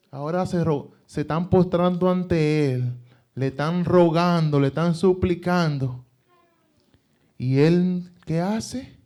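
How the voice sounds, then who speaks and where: A man's voice: fairly high pitch, a little mellow. A man preaching a sermon as pastor, retelling with emphasis and rhetorical questions.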